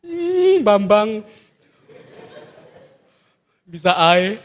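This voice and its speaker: A man preaching a sermon, animated, jumping from loud exclamations to soft asides and mimicking people for laughs. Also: high-pitched, drawn-out words, soft background music. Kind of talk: sermon with jokes. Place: church hall. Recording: long church hall reverb.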